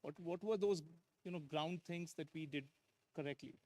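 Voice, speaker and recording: A man's voice: fairly high pitch, moderate pace, darkish tone. A man moderating a conference panel discussion, hesitant and full of fillers. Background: conference hall.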